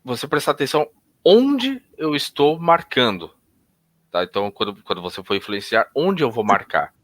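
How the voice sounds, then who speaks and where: A man teaching techniques in a relaxed conversational way, often restarting sentences and changing his tone to show examples. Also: medium pitch, moderate pace, no echo. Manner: explains with hesitant restarts, demonstrates intonation shifts. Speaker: NLP instructor.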